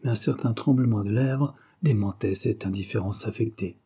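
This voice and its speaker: A man reading a classic novel aloud in measured, even narration. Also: lowish voice, husky. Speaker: audiobook narrator. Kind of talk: scripted narration.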